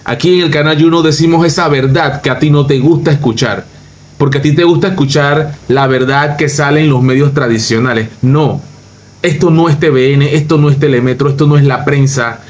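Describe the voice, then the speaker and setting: A man's voice: on the high side, fairly quick. A man from Panama with a Panamanian accent, ranting emphatically through a reaction commentary as a youtuber, repeating his points and mocking others. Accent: Panamanian Spanish.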